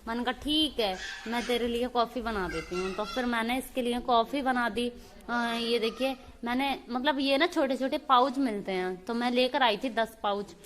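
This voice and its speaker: A woman's voice: fairly high pitch, normal speed. A young woman vlogging in a casual, chatty way, retelling family exchanges while walking outdoors on a village farm path. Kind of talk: casual vlog narration.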